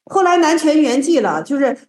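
A woman giving a casual talk on Zen teaching, telling old stories in a lively way. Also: high voice, moderate pace, reverberant. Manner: storytelling, lively, with restarts.

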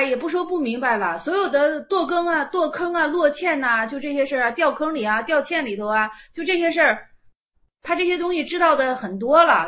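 High bright woman teaching meditation. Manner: repeats phrases, grows emphatic. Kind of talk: informal online dharma lecture.

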